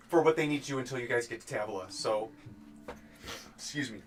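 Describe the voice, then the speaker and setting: A man's voice: medium pitch, fairly bright tone. A man narrating as game master of a tabletop game, chatty and laughing, with spoken sound effects.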